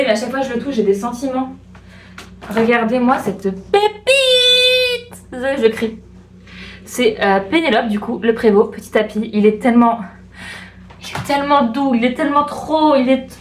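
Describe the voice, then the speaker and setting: A young woman from France chatting in a casual home vlog, bubbly and gushing, repeating herself with excitement. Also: a little high. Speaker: vlogger. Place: room at home. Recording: echoey room, faint background hiss.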